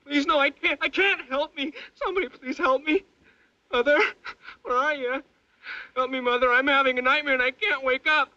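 An actor playing a young soldier's halting, stammering inner monologue that swings between hushed dread and panic. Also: male voice, mid-range voice, animated, husky, muffled recording. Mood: hysterical. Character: young male soldier, maimed, trapped and frightened. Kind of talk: film voice-over inner monologue.

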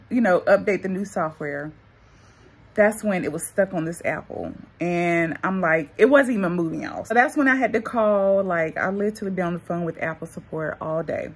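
Young woman, casual vlogger, husky tone, retainers making her speech slightly muffled. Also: mid-range voice, lively intonation, normal speed. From North Carolina, USA. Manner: chatty, addresses viewers as y'all and girl. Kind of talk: casual vlog chat.

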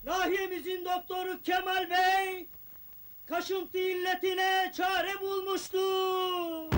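An actor playing a village town crier, shouting a formal proclamation in a loud, drawn-out call. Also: male voice, very high voice, exaggerated voice. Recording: very noisy old film soundtrack.

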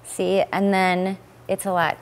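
A woman's voice: mid-range voice, level tone, a little slow. A woman in her thirties, a guest on live morning TV, speaking in a friendly, informative way, recorded on a lapel mic in a news studio. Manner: friendly, informative promo talk. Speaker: fair public affairs director, guest.

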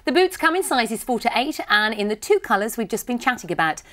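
A woman's voice: on the high side, very animated, a little fast, a bit bright. A middle-aged British woman hosting a shopping channel, delivering upbeat scripted sales patter in a studio. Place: TV studio lounge set.

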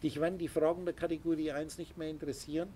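Quick and warm, his fairly high voice showing little pitch movement, a man lectures the small group he teaches spiritually. Faint noise sits behind his emphatic, insistent delivery, which includes sound effects.

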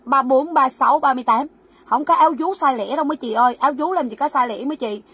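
A woman with a high, fairly bright voice delivers fast live-sale patter from a warehouse, talking quickly as she sells goods on a livestream. She repeats sizes and prices over and over and coaxes viewers to write their orders in the comments.

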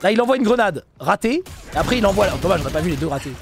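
High creaky-voiced excitable man. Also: racing, music in the background. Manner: excitable, bursts into shouts, repeats phrases. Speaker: esports team streamer commenting a match. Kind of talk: excited live match commentary.

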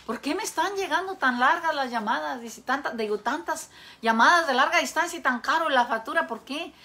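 A woman's voice: high-pitched, animated, a little fast, bright, forceful tone. A Mexican woman hosting a live cooking show, chatting casually with viewers and telling folksy jokes with a laugh.

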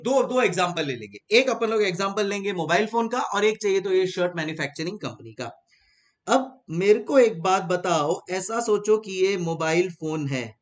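A high-pitched young Indian man teaching a live online class in a bright, lifted voice. He poses questions to his students and answers them himself, repeating key terms slowly so they can write them down.

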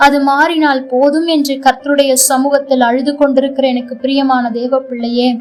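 High-voiced woman preaching gently over music. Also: level tone, moderate pace, rough recording. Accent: Tamil. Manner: gentle, comforting pastoral appeal. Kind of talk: devotional sermon.

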